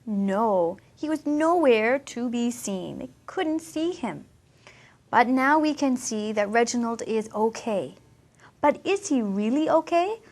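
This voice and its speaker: Woman teacher, slow storybook lesson for kids, fairly high voice, expressive, asks questions. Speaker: English teacher. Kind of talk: storybook reading lesson for children.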